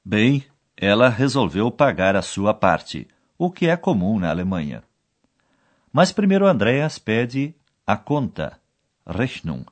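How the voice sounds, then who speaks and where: A man's voice: on the low side, very animated, takes it slowly. A man narrating a language course in scripted style, explaining each scene and repeating the key foreign words.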